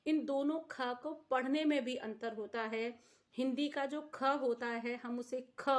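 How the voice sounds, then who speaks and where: A woman teaching pronunciation, explaining, repeating each word and addressing viewers as her students. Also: on the high side. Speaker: Urdu teacher. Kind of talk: slow explanatory language lesson.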